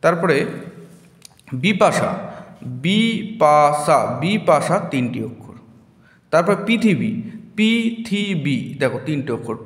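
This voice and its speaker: A man teaching a grammar lesson to children, slowly repeating words syllable by syllable. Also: on the high side, sing-song. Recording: echoey room with long reverb.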